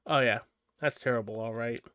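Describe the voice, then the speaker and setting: Reading aloud, a man voices a stubborn, feisty young girl who speaks bluntly, with sass and exasperation. His mid-range voice is fairly quick, pushed, and bright, with fairly even intonation, sounding natural with no echo.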